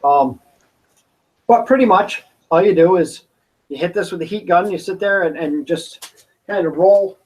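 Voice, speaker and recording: A man leads a laid-back livestream tutorial from an indoor workshop, talking through each step as his hands stay busy. His voice sits a little high for a man, and he rambles easily with plenty of pauses and fillers. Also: a little mellow, low-quality recording. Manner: easygoing, rambling, talks while working with hesitations. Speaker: prop-building workshop host. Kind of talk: casual livestream craft tutorial. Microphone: camera on a desk he moves around.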